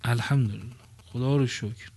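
A man giving a religious sermon at a gathering under a tent. He moves from quiet asides to loud, stressed phrases and slows down to draw out key words. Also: medium pitch, creaky, breathy edge. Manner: swings between soft asides and loud emphatic phrases, drawing out key words slowly. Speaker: preacher.

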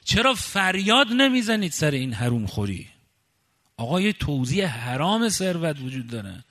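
A man from Khuzestan delivers an impassioned sermon in a high, bright, forceful voice. He hammers his points with indignant rhetorical questions. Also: big pitch swings. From Khuzestan, Iran.

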